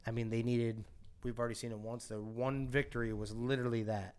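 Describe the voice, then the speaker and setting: A man co-hosting a sports podcast, talking casually and getting excited and insistent. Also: medium pitch, fairly quick, smooth. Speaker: podcast co-host.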